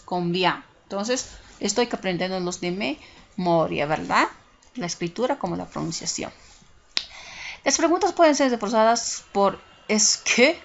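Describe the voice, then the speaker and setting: A woman's voice: mid-range voice, fairly bright tone. A woman teacher giving a recorded language lesson, explaining each step and often checking in with tag questions. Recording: dull lo-fi recording.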